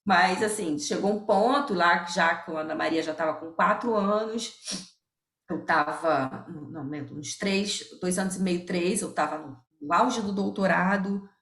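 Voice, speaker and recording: A middle-aged woman with a Brazilian Portuguese accent, a nutritionist guest who chats openly and laughs often as she tells stories. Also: on the low side. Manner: lively, laughs often, acts out remembered dialogue. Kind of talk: candid conversational storytelling. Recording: roomy echo.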